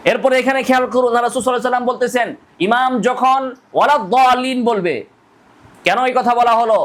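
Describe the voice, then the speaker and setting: A man's voice: extremely high pitch, steady tone, racing, a bit bright. A man giving a religious lecture, reciting Arabic hadith lines and then translating them, pressing his listeners with rhetorical questions. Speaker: mufti and Islamic preacher. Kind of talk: religious lecture on prayer rulings.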